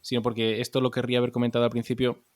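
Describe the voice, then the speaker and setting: A man's voice: mid-range voice, monotone, racing, darkish tone, dry recording, studio quality. A man hosting a film podcast, analytical and explaining ideas and posing questions to his panel. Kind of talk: casual film discussion.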